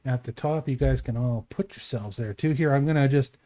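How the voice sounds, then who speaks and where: A man's voice: medium pitch, brisk, dark tone. A man running a tabletop game as game master, talking in a casual, rambling way with fillers.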